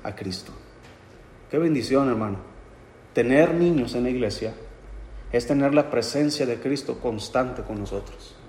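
A man's voice: medium pitch, unhurried, long pauses, a little mellow, reverberant, slight background noise. A man preaching a sermon to his church, calling the congregation brothers and stressing key phrases.

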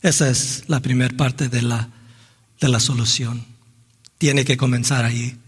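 A man's voice: mid-range voice, level tone, unhurried, slightly rough. A man preaching a sermon in a church, earnest and reflective, often restarting phrases and asking "¿no?". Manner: earnest, with frequent restarts and rhetorical "¿no?". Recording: long hall reverb.

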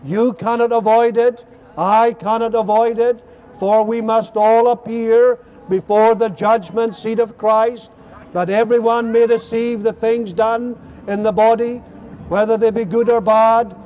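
A man preaching as an open-air evangelist in a loud soapbox manner, solemnly warning his listeners with rhetorical questions. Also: very high-pitched, little pitch movement, measured pace, highs cut off.

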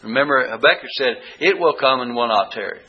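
A man teaching a Bible lesson, reading scripture aloud and stressing key words with deliberate emphasis. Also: medium pitch, breathy edge, muffled recording.

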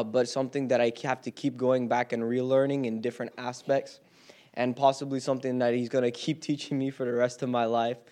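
A young man from Ireland gives an earnest, reflective testimony at a college chapel. His voice is smooth and resonant at a middle pitch, and he pauses with the odd filler. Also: darkish tone. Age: young adult. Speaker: college student giving a testimony. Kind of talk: spoken testimony.

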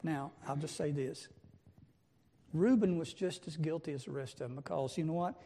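A man's voice: a little high, moderate pace, mellow. A man preaching a sermon, emphatic and full of rhetorical questions. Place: church sanctuary. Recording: long church reverb.

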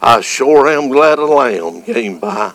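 Taking it slowly in an animated, medium-pitched voice, a man with a Southern US accent preaches a fervent evangelical revival sermon. His folksy, exclamatory delivery alternates between gentle storytelling and shouting.

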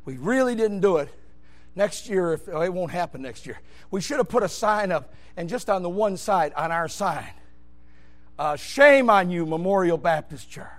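A man preaching an emphatic Baptist sermon, swinging between loud shouted bursts and low, quiet asides. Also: lively intonation, moderate pace. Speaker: pastor.

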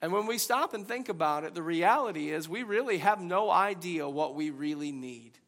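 A man preaching a sermon as a pastor, swinging from loud emphasis to hushed tones. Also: fairly high pitch, animated, normal speed. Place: church sanctuary. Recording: long church hall reverb.

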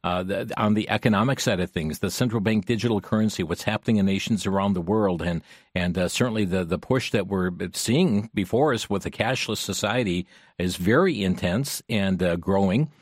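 A smooth talk radio host, a man with a fairly low voice, speaks at a steady, unhurried pace into a studio microphone. His delivery is dry and close, with no room sound, and he fills his pauses with soft "uh"s as he moves between news items and callers. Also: dry recording. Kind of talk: talk radio hosting, taking listener calls.

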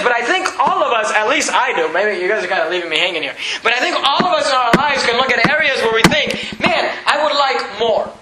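A man's voice: very high voice, sharp tone. A man preaching a sermon, earnest and repetitive, often asking the congregation questions. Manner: earnest, repeats words, asks the congregation questions. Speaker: pastor. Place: church. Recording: echoey church hall.

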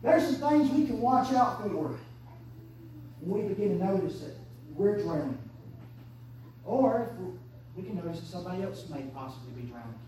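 A woman, preaching an impassioned sermon that swings between hushed and shouted. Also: mid-range voice, very animated, moderate pace, long pauses, a little hiss or hum. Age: 30s. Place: church sanctuary. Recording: echoey church from far off.

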